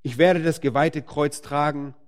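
A man preaching a sermon with emphatic delivery, slowing down and rising to forceful peaks to stress key words. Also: a little high, steady tone.

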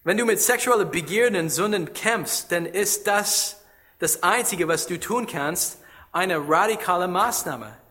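Slow, bright-voiced male preacher. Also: sits high. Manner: emphatic, rhetorical questions, non-native German with grammar slips. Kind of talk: sermon.

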